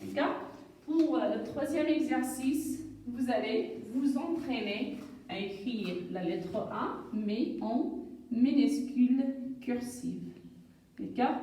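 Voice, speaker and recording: Slow, echoey woman teacher. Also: on the high side, dark tone. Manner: slow, syllable-by-syllable, repeats words, many d'accord. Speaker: primary school teacher. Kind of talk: slow classroom lesson for young children. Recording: echoey room, voice from far off.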